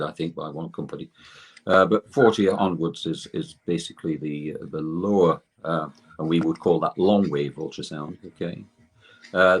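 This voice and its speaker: An older man with a low, husky voice speaks as a guest expert on technical material. He explains things haltingly, often correcting himself mid-sentence.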